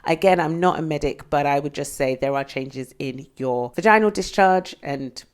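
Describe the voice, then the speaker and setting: A woman's voice: deep voice, normal speed, clear, resonant tone. A young British woman, pregnant and often out of breath, candidly chatting to camera in a casual vlog. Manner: chatty, candid, with frequent fillers. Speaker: vlogger.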